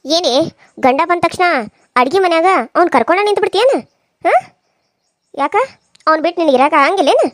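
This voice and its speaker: A woman's voice: very high-pitched, lively intonation, brisk, pauses often, no echo, studio quality. A woman doing a harsh North Karnataka mother-in-law. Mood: taunting. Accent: North Karnataka Kannada. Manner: scolding, contemptuous. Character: harsh scheming rich mother-in-law, middle-aged. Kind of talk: cartoon serial voice acting.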